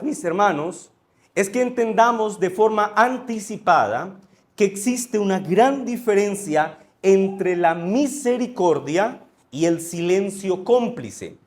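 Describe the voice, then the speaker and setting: A man preaching a sermon in an earnest, measured way, reading scripture and then explaining it. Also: high voice, a little mellow. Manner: earnest, measured preaching, corrects himself when misreading. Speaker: pastor.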